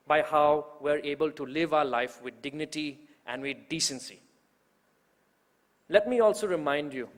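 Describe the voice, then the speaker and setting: Man, 20s, emphatic public speaker with a slightly high voice, recorded with long reverb in a large hall. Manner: rousing, emphatic, with rhetorical repetition. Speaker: youth organizer introducing the main speaker. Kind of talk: public speech at a political event.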